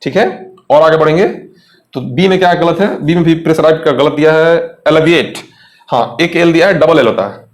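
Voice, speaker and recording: A man's voice: fairly high pitch, a little fast, reverberant. A young man with an Indian accent teaching English vocabulary for an exam, chatty and mixing Hindi with English, often asking his students questions. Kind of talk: exam lesson explaining vocabulary.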